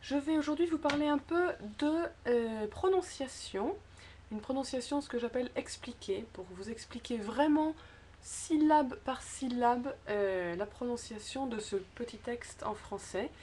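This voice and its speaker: A woman gives a pronunciation lesson in a slow, deliberate voice that sits a little high. She breaks words into syllables and leans hard on important words, repeating them for emphasis. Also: dark tone, a little hiss or hum. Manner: slow, careful syllable-by-syllable explanation. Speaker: French pronunciation teacher. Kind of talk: spoken language lesson.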